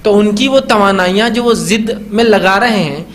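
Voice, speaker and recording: A man's voice: high-pitched, normal speed, fairly bright tone. A male Islamic preacher giving a conversational religious talk on parenting, often asking rhetorical questions and briefly acting out what parents say to children. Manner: acts out parents' voices when talking to children.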